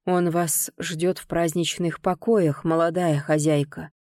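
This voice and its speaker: A woman voicing a huge, patient male servant who answers calmly and respectfully in an audiobook. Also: unhurried, dry recording, studio quality. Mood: calm deferential. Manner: calm, deferential, bass delivery.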